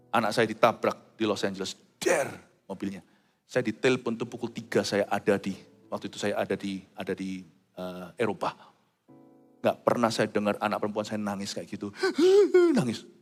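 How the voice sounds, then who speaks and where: A middle-aged man preaching a sermon, swinging between loud high exclamations and hushed low asides. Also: fairly even intonation, moderate pace, long pauses, in a large hall, soft background music. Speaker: pastor.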